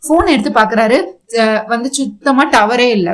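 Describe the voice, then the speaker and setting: A woman casually retelling a TV serial promo in a rapid, rambling recap. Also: a little high, fairly bright tone. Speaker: serial reviewer.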